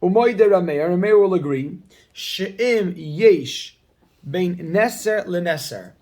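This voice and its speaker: Teaching a Talmud class, a man reads and explains the text, repeating key phrases again and again and calling on students with emphatic energy. His high, animated voice moves at a slow pace and sounds a little mellow.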